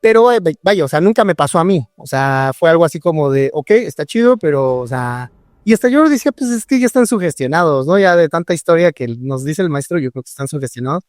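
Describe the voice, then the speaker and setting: A man's voice: on the high side, expressive, fast talker, a little mellow, dry recording, studio quality. A man with a Mexican accent talking casually on a podcast, hesitant and full of fillers and restarts. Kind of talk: casual conversation.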